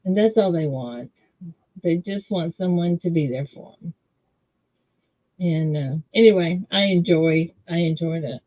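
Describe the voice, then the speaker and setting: A woman chats slowly and ramblingly on a video call. Her voice comes through muffled and dull, as if heard through a wall. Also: fairly low pitch. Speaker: livestream co-host. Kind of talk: casual chat on a video call. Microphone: computer mic on a video call.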